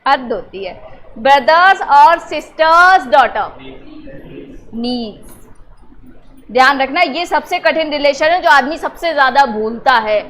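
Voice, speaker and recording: A woman teacher drilling a class on family words, teasing and prodding students to answer loudly. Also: sits high, lively intonation, measured pace, a little hiss or hum. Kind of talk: classroom lesson.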